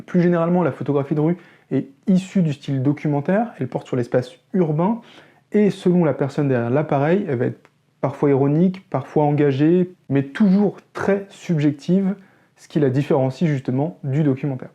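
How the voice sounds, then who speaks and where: This man, who has a French accent, hosts a photography channel and explains a topic conversationally to camera, adding self-deprecating asides. His voice sits on the high side with a dark tone, and the highs are cut off.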